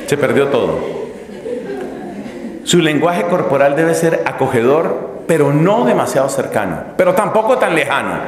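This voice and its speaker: A middle-aged man with a Colombian Spanish accent gives a lively, humorous sermon, acting out the people he talks about. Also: on the high side, normal speed, crowd noise. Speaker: Dominican friar preacher. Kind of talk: sermon to religious sisters. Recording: echoey hall, long reverb.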